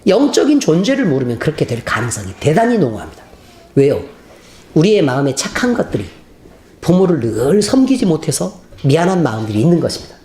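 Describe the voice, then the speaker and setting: Lively preaching man, echoey sanctuary. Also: on the high side, fairly quick. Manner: animated storytelling, acting out scenes. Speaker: pastor. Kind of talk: sermon. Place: church sanctuary. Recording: roomy church hall, faint noise.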